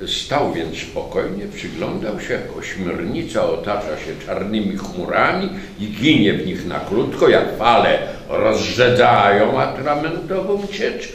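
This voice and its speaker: A man reciting a fairy tale in an expressive, dramatic way, recorded in an echoey room from a distance with faint noise behind. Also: lowish voice, a little slow, few pauses. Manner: dramatic, wide-ranging delivery.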